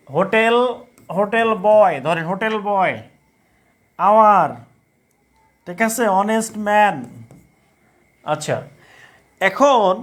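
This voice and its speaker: Man, high voice, grammar teacher, live online class, repeats every question and answer. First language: Bengali. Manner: repeats questions and answers himself, drilling students. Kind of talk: live online class, reading chat comments.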